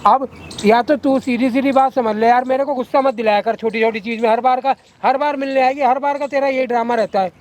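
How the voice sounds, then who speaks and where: A man's voice: very high-pitched, steady tone, brisk. A middle-aged actor playing a domineering widowed man who keeps ordering a young woman around, in a short-film drama. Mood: bossy. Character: coercive widowed older man, bossy.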